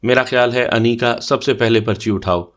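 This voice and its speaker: A man voicing a young woman cousin who gently teases her friend with dares. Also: medium pitch, fairly even intonation, lightly acted. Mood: teasing. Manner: gently teasing.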